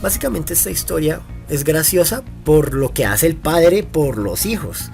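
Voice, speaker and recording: A man's voice: fairly high pitch, animated, vocal fry, a little mellow, faint music behind. Man rambling through a film recap. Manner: meandering, halting retelling with frequent restarts. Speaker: film reviewer. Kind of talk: casual film commentary.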